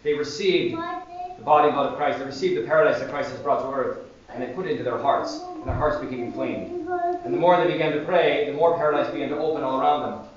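A male priest giving a sermon in a church, telling stories with animated energy. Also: medium pitch, quick pace. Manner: animated storytelling. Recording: distant echoey church, dull sound.

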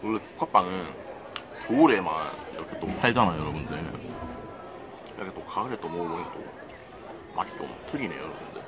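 A man's voice: sits low, lively intonation, a little fast, pauses often. A man vlogging at a food festival, chatting to viewers while eating with his mouth partly full. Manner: chatty, keeps addressing viewers. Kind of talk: casual eating vlog. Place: busy outdoor garlic festival. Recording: loud crowd and noise outdoors. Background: loud crowd and street noise.

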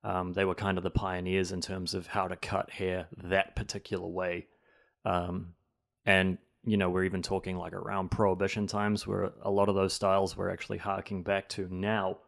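A young man, a barber guest, chatting enthusiastically in a podcast interview in a small home studio on a boom mic. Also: monotone, normal speed, gravelly. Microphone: studio boom mic with headphones.

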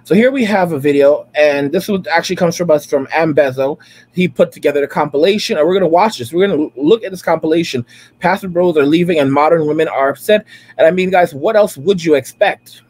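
A man's voice: on the high side, quick pace, darkish tone. A man in his late thirties giving a preachy, repetitive rant as a reaction streamer, reacting to clips from home. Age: late 30s. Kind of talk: ranting commentary over clips.

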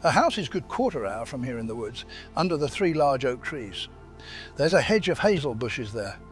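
A man's voice: mid-range voice, big pitch swings, moderate pace, faint music behind, close to an everyday voice. A man putting on an innocent little girl. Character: little girl in a red cap, innocent and trusting.

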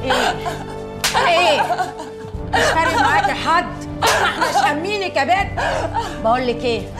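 A woman's voice: extremely high pitch, expressive, moderate pace, over music. A woman with an Egyptian Arabic accent playing a scornful woman who threatens and interrogates a girl. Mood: threatening.

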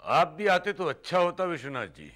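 An actor playing a grave, measured older family patriarch in a TV serial drama. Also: male voice, sits high, big pitch swings, a bit bright. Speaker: family elder, father. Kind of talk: TV serial acting.

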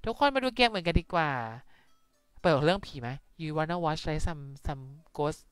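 A woman's voice: sits low, lively intonation, a little slow, clean tone, no room sound, soft background music. A young Thai woman streaming a video game, chatting casually and mixing Thai-accented English with playful curses. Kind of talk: casual live game commentary.

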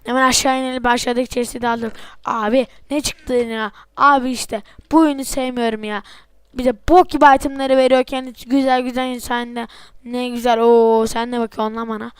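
A woman narrating her own gameplay in a high, clean voice, recorded close up with no room sound. She is sick and her voice is a little off. She chatters and curses, breaking into sudden yells. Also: a little fast, smooth, no room sound. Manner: excitable, swearing, sudden yells. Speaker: gameplay commentator. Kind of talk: let's-play game commentary.

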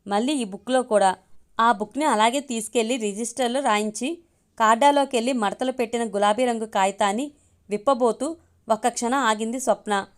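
A woman narrating a romance audio story, reading it aloud in a steady, even way. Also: on the high side.

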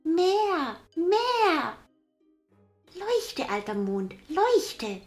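A woman's voice: extremely high pitch, sing-song, extremely slow, a little mellow, faint music behind, pitched above the performer's own voice, exaggerated voice. A woman voicing a bossy, impatient little boy in a fairy tale, calling out insistently. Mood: demanding.

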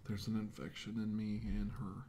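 This ASMR role-play actor, a middle-aged man, plays a remorseful military scientist with grim resolve, speaking slowly in short, hushed, halting bursts that frequently fall to a whisper. His voice is on the low side, level and only lightly acted, with clear background noise behind it.

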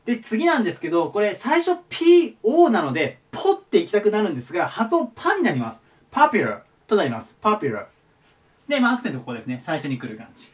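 A man giving a casual vocabulary lesson, friendly and polite, repeating each word slowly and clearly. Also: high-pitched, wildly swooping pitch. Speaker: English teacher. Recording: voice a bit far from the mic.

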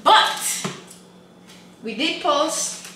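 A woman's voice: high-pitched, expressive, drawn-out words, bright, forceful tone, distant mic. A young woman co-hosting a food vlog in a casual, slangy, laid-back way. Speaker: vlog co-host. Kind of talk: casual chat. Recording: echoey room, off-mic, background noise.

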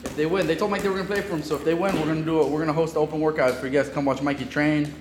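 A young man casually hosting a livestream from a large boxing gym, loud, profane and joking, filmed on a handheld phone. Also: on the high side, steady tone, very fast. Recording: echoey gym with loud background noise.

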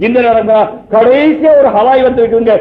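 High-voiced man preaching in an echoey hall. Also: a little fast. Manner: conversational storytelling with rhetorical questions. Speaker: Islamic preacher. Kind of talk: Tamil Islamic sermon. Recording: echoey, phone-like lo-fi sermon recording.

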